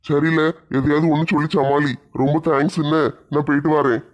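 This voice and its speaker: A man's voice: on the high side, flat delivery, fairly quick, pitched below the performer's own voice, lightly acted. A man voicing an easygoing young male worker, sounding set back from the mic and a little sheepish. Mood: relieved.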